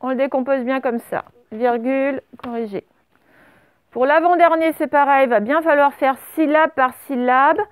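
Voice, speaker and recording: A woman teaching a spelling lesson, dictating words slowly and spelling them out letter by letter and syllable by syllable. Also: high voice, no echo. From France. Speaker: primary school teacher.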